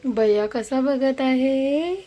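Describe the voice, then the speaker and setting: A woman filming a casual home vlog, narrating gently to viewers and coaxing a small child in a tender, soothing way. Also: high-pitched, very slow. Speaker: family vlogger.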